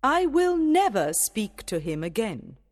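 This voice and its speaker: A man's voice: sits high, huge pitch swings, a little slow, voice pushed up, heavily acted. A man reading a storybook aloud, voicing a proud and defiant fairy queen in a raised, indignant voice. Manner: haughty and indignant.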